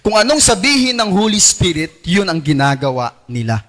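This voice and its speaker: A male pastor with a Filipino accent delivers a Sunday sermon in a fairly high voice. He prompts the congregation to repeat after him and switches between Filipino and English phrases as he preaches. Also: sing-song, normal speed, fairly bright tone. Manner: call-and-response preaching, asks congregation to repeat lines; acts out tempting whispers in a lowered voice. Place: church service.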